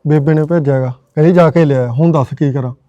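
A man playing a stingy husband who complains rapidly in a comic web series. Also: fairly high pitch, fairly even intonation, mellow, no room sound. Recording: dry, muffled lo-fi phone audio.

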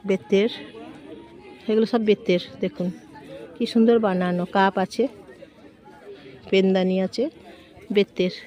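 A Bengali woman vlogger with a hoarse voice from a cold, chattily showing viewers around a fair hall. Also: mid-range voice, fairly even intonation, measured pace, long pauses, mellow, muffled recording, some chatter behind. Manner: chatty, repeatedly urging viewers to look. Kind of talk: casual walkthrough vlog.

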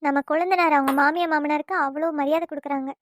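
A woman's voice: high-pitched, steady tone, fast talker, no echo, clean studio sound, natural voice. A woman doing a wistful, resigned housewife. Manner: sighing, envious, resigned. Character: wistful neglected elder sister-in-law. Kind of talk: cartoon voice acting.

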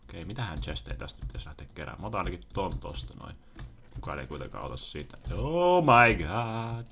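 A young man giving excitable, casual commentary over his own gameplay, sometimes yelping when startled. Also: extremely low pitch, vocal fry, a little hiss or hum. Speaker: gaming video host.

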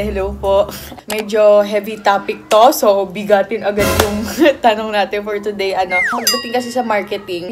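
A sixteen-year-old Filipino girl with a Filipino accent, chatting casually at home while eating and answering viewer questions. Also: medium pitch. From Philippines. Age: teens. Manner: chatty, mixing English and Tagalog, eating while talking. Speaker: vlogger. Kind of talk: casual mukbang Q&A vlog. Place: home room indoors, seated at a table with food. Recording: background music under the voice.

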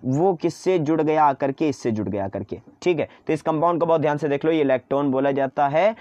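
A man's voice: on the high side, fairly quick, a little mellow, no echo, dull audio. A man teaching an online chemistry lesson in mix, chatty and coaxing, often repeating his own questions to students.

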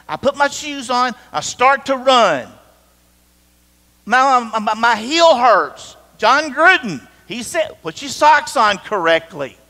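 A man's voice: very high-pitched, bright, forceful tone. A middle-aged man preaching a sermon as pastor, conversational and joking, speaking straight to his congregation. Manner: conversational, jokey, talks to the congregation directly. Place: church sanctuary. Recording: reverberant church hall.

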